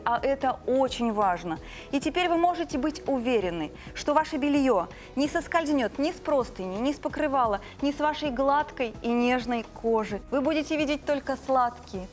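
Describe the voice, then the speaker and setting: A woman with a high voice delivers an infomercial pitch over music. She presents like a TV shopping host, gushing and stretching out luxurious adjectives for emphasis. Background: background music.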